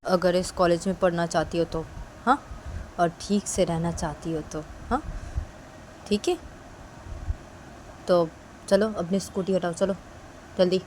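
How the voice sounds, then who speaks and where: A woman's voice: on the low side, steady tone, unhurried, long pauses, a little mellow, slight background noise, lightly acted. A woman voicing a bossy, threatening female college bully who keeps jabbing listeners with demanding questions. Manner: bullying, keeps tacking on "हाँ?".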